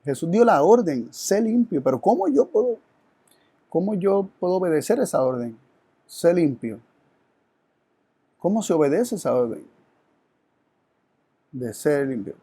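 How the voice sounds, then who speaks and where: A man gives a teaching sermon with a somewhat high but mellow, warm voice. He talks in an earnest, reflective way and poses rhetorical questions. The sound is close and dry. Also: big pitch swings, normal speed, pauses often, breathy edge, no echo. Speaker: Bible study presenter.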